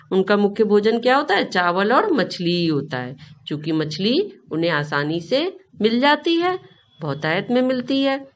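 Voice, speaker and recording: A woman's voice: mid-range voice, lo-fi sound. A woman teacher with an Indian Hindi accent, explaining a school lesson, often asking the class a question and repeating the answer. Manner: reads a line, then asks the class and repeats the answer.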